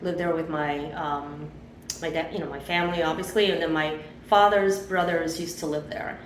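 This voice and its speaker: A woman in her fifties, from Chile and raised in Miami, tells her life story as an interview guest, rambling chattily with many fillers. Her voice is low and steady at a moderate pace. The audio is poor and roomy, with a little hiss or hum.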